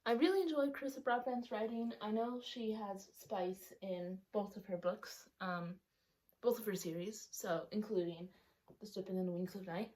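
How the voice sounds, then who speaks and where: The audio is poor, but you can hear a young woman with a mid-range, darkish voice talking at a moderate pace for her book vlog. She rambles casually, corrects herself, and fills gaps with ums, her speech slightly shaped by a retainer. She's either outside or by a bright window at home.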